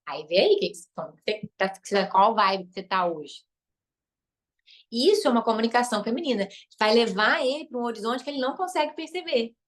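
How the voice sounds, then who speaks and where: A woman's voice: a little high, expressive, a little fast. A woman with a Brazilian Portuguese accent, a relationship coach and therapist, teaching a live online masterclass. She is emphatic, repeats key phrases and tacks on tag questions.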